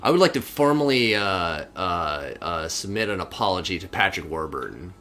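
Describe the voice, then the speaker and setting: A man's voice: low voice, expressive, moderate pace, sharp tone. A young man casually joking and riffing while commenting on gameplay with a friend. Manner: jokey, riffing banter. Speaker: let's play co-host.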